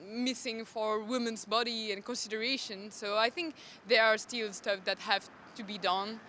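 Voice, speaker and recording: Young woman on the street, tense bright voice, lots of ums and likes, faint noise behind. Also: fairly high pitch, fairly even intonation, normal speed. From Belgium. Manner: hesitant, many fillers. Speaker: interviewee. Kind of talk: street interview. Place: outdoors on a city street.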